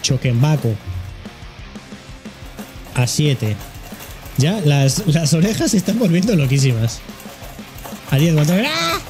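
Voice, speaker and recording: Lively, joking man with a Spain accent. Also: fairly high pitch, takes it slowly, pauses often, soft background music. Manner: jokey, exclaiming, voicing objects in funny asides. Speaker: reaction video host. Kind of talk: casual reaction commentary.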